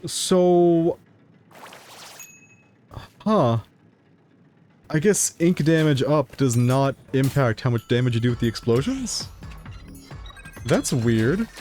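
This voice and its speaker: A man streaming a video game who talks in a loose, rambling way, laughing often and swearing casually. His voice sits at an ordinary middle pitch. Faint game music plays underneath. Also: sing-song, measured pace, long pauses, darkish tone. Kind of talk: casual live-stream gameplay commentary.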